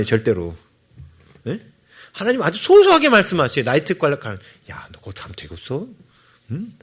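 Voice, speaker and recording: A man preaching a sermon as pastor, with an animated delivery that keeps asking the congregation to agree. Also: a little high. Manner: animated, acts out quoted voices, asks the congregation for agreement.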